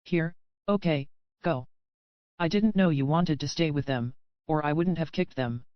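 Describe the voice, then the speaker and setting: A narrator doing a cold, possessive young bully. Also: male voice, measured pace, clean tone, dry recording, highs cut off, close to an everyday voice. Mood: cold, controlling. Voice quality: deep voice.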